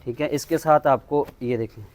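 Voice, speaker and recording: A man presenting shop stock in an informal sales pitch, with repetitive patter about prices and items. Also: normal speed, darkish tone, slight background noise. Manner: repetitive selling patter, repeating prices and checking phrases. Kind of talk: informal sales pitch in a product showcase video.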